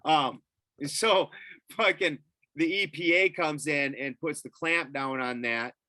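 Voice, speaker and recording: A middle-aged man guesting on a podcast tells a story in a fairly high voice, taking it slowly with no room sound. He's an animated, casual storyteller who swears a lot.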